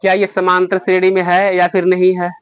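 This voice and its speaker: A man's voice: high-pitched, completely flat delivery, brisk. A man teaching a math lesson to a class, explaining step by step and quizzing his students.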